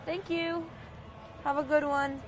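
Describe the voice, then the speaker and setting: A woman's voice: sits high, steady tone, slow. A young woman streamer chatting casually, goofy and joking, sometimes mixing up her words. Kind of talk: casual live-stream chat.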